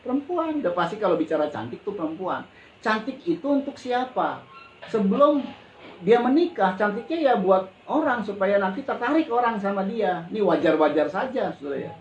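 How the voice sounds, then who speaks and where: A man's voice: sits high, expressive, normal speed, muffled recording. A man delivers a sermon as a pastor, talking to his congregation in a loose, colloquial manner and repeating his points. His voice rings through a reverberant hall, with faint room noise underneath. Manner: conversational preaching, often addressing listeners as brothers and sisters; colloquial, with frequent exclamations and repetition.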